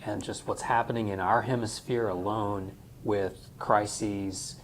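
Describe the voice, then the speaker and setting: A man's voice: fairly low pitch, steady tone, measured pace, a little hiss or hum, poor audio. A male interviewer asking a question in a conversational interview, hesitant and searching for his words.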